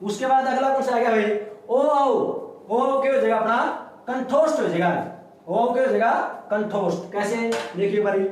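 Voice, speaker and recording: Male teacher, very high voice, strongly echoing classroom, quizzes himself aloud. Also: a little mellow, slight background noise. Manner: repeating sounds, asking and answering his own questions. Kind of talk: classroom lecture. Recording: very echoey room.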